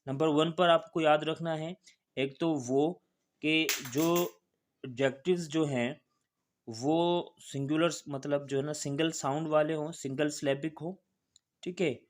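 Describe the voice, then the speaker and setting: A male teacher from Pakistan explains grammar step by step. He talks patiently and repeats himself, spelling each word out letter by letter. He keeps pausing to make sure the listener is following. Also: on the high side. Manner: often checks in with the listener.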